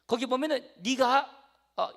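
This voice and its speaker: A man's voice: very high voice, measured pace, fairly bright tone. A middle-aged male pastor preaching a sermon, emphatic and repetitive, often checking that his congregation understands. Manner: emphatic, repeats phrases, asks the congregation "아시겠어요?".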